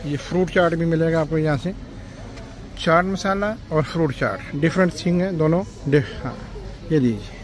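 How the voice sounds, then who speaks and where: A man's voice: on the high side, normal speed. A man, casually vlogging as he walks supermarket aisles and lists prices, peppering his talk with polite words. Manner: chatty, lists prices, says "ji" and "janab". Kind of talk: casual shopping vlog walkthrough. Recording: noisy shop background.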